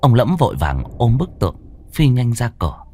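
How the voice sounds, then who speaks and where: A man's voice: big pitch swings, normal speed, dark tone, soft background music. A man narrating a horror story in a theatrical, dramatic way. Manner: theatrical, swinging pitch widely for effect.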